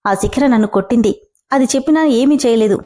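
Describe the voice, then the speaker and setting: Whiny young woman, gullible, complaining, woman reading, high mellow voice. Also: fast talker, natural voice. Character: naive, whiny young female employee.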